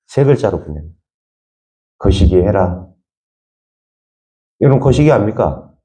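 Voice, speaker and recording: A man's voice: medium pitch, dark tone. A man from the Jeolla region of Korea, a pastor preaching a sermon with emphatic repetition and rhetorical questions to the congregation.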